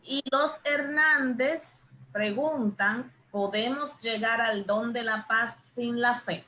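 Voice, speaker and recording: Bright-voiced woman moderator, slow and clear. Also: a little high, steady tone, a little hiss or hum. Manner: addresses the priest politely, reads questions out. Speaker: moderator reading audience questions.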